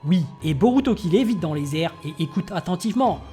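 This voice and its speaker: A woman narrating a manga chapter recap in a steady storytelling voice. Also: fairly low pitch, fairly quick. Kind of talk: scripted narration. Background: faint music.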